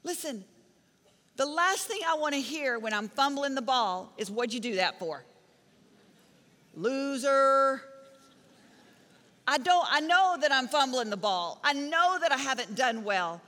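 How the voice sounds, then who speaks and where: A middle-aged woman preaching a sermon in a large church auditorium, her high, bright voice ringing with a long hall reverb. She tells stories and drives her points home with punchy, repeated phrases. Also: lively intonation, moderate pace. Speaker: pastor.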